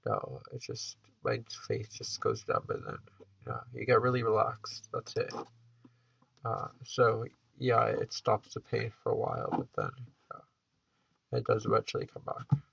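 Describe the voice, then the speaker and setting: A man's voice: mid-range voice, very animated, measured pace, gravelly, a bit bright, breathy edge, no echo, rough recording. A 21-year-old man chatting casually in a vlog, rambling and hesitant, with the stuffed-up nasal sound of a blocked nose. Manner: hesitant and rambling, heavy use of "like". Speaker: vlogger.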